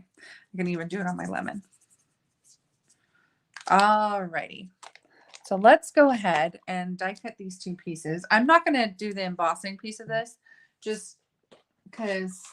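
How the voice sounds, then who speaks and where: A woman with a mid-range voice hosts a casual live card-making tutorial. She chats and narrates herself as she works, laughing and joking about her own slips, with slight background noise in the audio.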